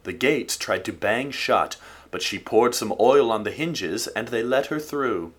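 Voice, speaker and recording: A man reads a folk tale aloud in a steady, expressive way. His voice is slightly husky, and his pitch moves a lot as he tells the story. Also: unhurried. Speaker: narrator. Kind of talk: storybook narration.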